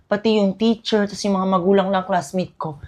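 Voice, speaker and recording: A woman's voice: medium pitch, fairly even intonation, moderate pace, darkish tone, natural voice. A woman acting as a cheeky young schoolgirl who talks back to her mother politely in a comedy skit.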